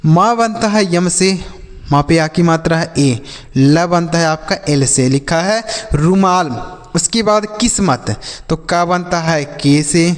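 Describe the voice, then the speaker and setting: A man, patiently teaching spelling step by step in a lesson. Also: on the high side. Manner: patient, repetitive step-by-step explaining. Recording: long reverb.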